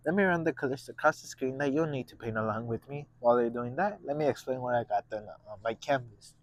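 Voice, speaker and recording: A man hosting a painting lesson, talking through each step casually in a gentle, encouraging manner. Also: mid-range voice, fast. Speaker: painting instructor and show host.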